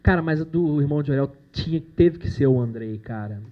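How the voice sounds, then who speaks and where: A man chats loosely with students in a lecture room, cracking jokes and dropping slang. His voice sits a little high, and the sound comes through muffled and lo-fi. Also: brisk, heavy background noise. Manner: chatty, jokey, with slang and swearing. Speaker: animation producer giving a talk. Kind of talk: casual talk to university students.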